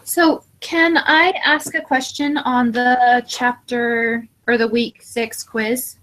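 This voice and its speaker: A woman's voice: fairly high pitch, flat delivery, slow, a bit bright, a little hiss or hum, low-quality recording. A woman in a student study group, asking brief, direct questions in casual chat.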